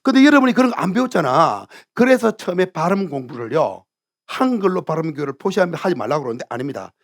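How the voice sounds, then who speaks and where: Gravelly-voiced male pastor preaching. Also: a little high, fast talker. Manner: animated teaching, repeats and drills English words aloud. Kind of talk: sermon.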